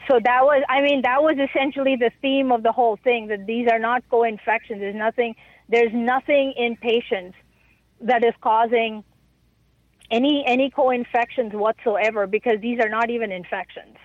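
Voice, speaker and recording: A woman's voice: a little high, fairly even intonation, no room sound. Woman on a tinny phone line. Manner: halting, stumbling over words. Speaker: interviewee. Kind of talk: answering questions in an interview.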